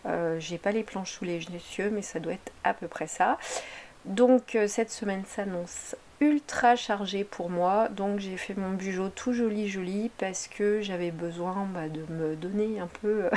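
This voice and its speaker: A woman's voice: medium pitch, darkish tone. A woman talking casually over her craft video, chatty and meandering, often correcting herself mid-sentence. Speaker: craft vlogger.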